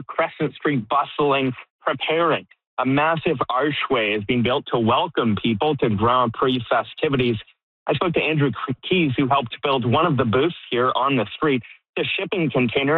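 A male field reporter speaks in a steady, plain news manner, stacking short phrases one after another. His voice comes through a thin, tinny, phone-like line with a dry sound. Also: medium pitch, no room sound. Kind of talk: live radio news report. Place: outdoor street setup site.

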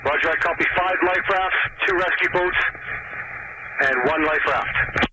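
A man's voice: on the high side, unhurried. A man working as a coast guard radio operator, making formal calls over a marine radio transmission with clipped, procedural delivery. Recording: noisy archival marine radio audio.

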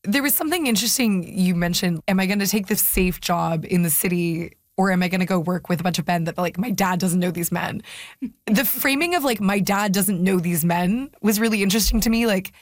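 A woman's voice: medium pitch, fairly quick, no echo, studio quality. A woman interviewing a guest, curious and loose, with many fillers. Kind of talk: interview conversation.

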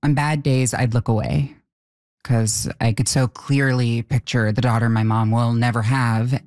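A woman's voice: rumbling low, steady tone, a little slow, darkish tone, no echo. A woman narrating her personal story from a script.

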